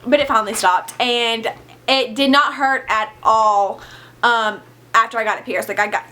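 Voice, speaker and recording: A young woman telling a candid storytime in a casual vlog, chatty and animated, swearing freely. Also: on the high side, moderate pace. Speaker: vlogger.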